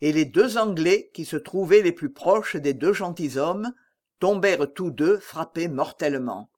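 A man narrating an audiobook in a steady, dramatic storytelling manner. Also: fairly high pitch, measured pace. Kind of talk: scripted narration.

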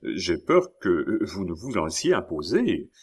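A stiff, suspicious old-regime police chief speaking in a low, guarded voice, as a male storyteller plays him. The phrasing is formal and wary. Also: big pitch swings, measured pace, a little mellow, heavily acted.

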